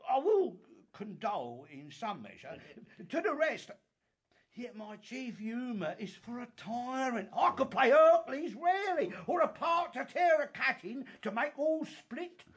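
Through an actor, a pompous weaver brags and declaims with grand, sweeping swings of pitch. The voice is slow and breathy, and it swells into theatrical roaring. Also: big pitch swings, exaggerated voice. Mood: boastful. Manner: bombastic, declaiming. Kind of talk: stage comedy acting.

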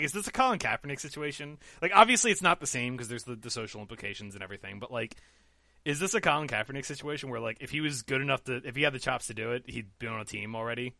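Hosting a casual esports podcast, a man talks loosely and rambles, correcting himself as he goes. His voice is medium-pitched, creaky and sharp, with no room sound.

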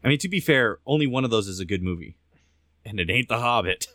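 Male podcast co-host, animated and sarcastic, swears freely; dry close mic. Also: fairly low pitch, quick pace, no echo. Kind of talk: casual chat.

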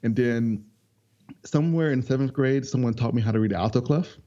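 A young man from North Carolina, a musician guest, chatting casually and rambling with many ums. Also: mid-range voice. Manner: relaxed, rambling, with many ums and quick laughs. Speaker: interview guest, multi-instrument musician. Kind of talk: casual interview chat. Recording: dull lo-fi audio.

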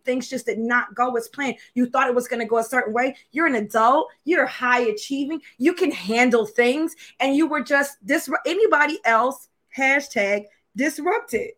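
A woman's voice: high-pitched, fairly bright tone. A woman pastor talking candidly with her online congregation, laughing at herself and asking them questions. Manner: candid and self-deprecating, laughing often, asking viewers questions. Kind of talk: casual, conversational sermon opening to an online congregation.

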